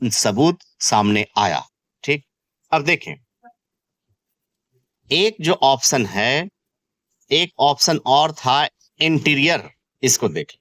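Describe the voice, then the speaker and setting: A man's voice: mid-range voice, fairly bright tone, no room sound. Dry-voiced man teaching vocabulary, Indian accent. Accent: Indian English. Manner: spells words letter by letter, repeats key terms. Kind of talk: exam-prep vocabulary lesson.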